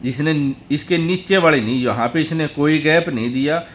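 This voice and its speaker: A man hosting a tutorial video, chattily calling viewers brother and friends as he steps slowly through number patterns. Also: fairly high pitch, slight background noise.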